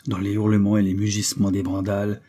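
A man reading a literary audiobook with measured, grave storytelling. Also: lowish voice, completely flat delivery, warm tone. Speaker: audiobook narrator.

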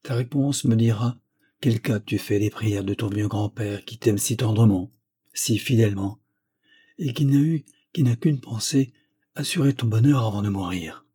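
A man's voice: fairly low pitch, moderate pace, warm tone, breathy edge. Man reading as a pleading old grandfather. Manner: earnest, tender entreaty.

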